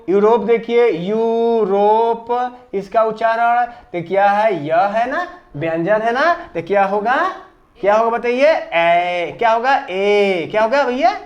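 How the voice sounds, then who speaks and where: Hindi-accented guy teaching grammar, high voice, slow and repetitive. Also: lively intonation, muffled recording. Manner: call-and-response drilling, repeats questions to pupils. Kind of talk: classroom lesson. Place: classroom.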